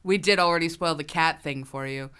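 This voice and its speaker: A woman's voice: sits low, fairly quick, pushed and bright, clear, resonant tone. A woman hosting a pop culture podcast, chatting enthusiastically with casual fillers. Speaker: podcast co-host. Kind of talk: casual chat.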